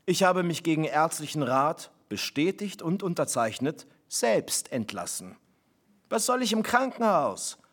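A man's voice: on the high side, big pitch swings, measured pace, fairly bright tone, heavily acted. A man reading the part of a cheerful, defiant father who sounds breezy and amused.

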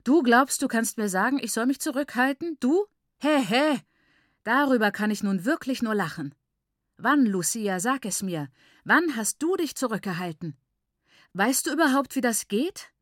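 A woman voicing a bitter, scornful mother who mocks and cackles in a raised, high voice. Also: expressive, moderate pace, dry recording, studio quality, lightly acted. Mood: furious. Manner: cackling, jeering, shrill.

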